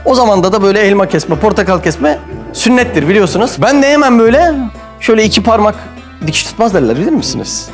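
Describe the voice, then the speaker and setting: A man from Mersin, Turkey hosting and telling a comic anecdote in a lively way, acting out quoted voices. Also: high voice, fast, soft background music. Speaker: host and storyteller. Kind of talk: animated comic anecdote storytelling.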